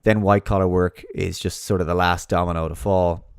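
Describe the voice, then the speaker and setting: Man, low voice, sarcastic commentary, dry close sound. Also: little pitch movement, moderate pace, smooth, dry recording. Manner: sarcastic, mocks opponents in exaggerated voices. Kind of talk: monologue commentary reading an article.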